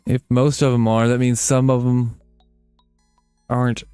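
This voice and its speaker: A man's voice: mid-range voice, level tone, unhurried, mellow, clear, resonant tone, no echo, soft background music. A man rambling casually while playing a game, swearing freely and making fun of himself. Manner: rambling, swears a lot, self-deprecating. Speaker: let's play gamer.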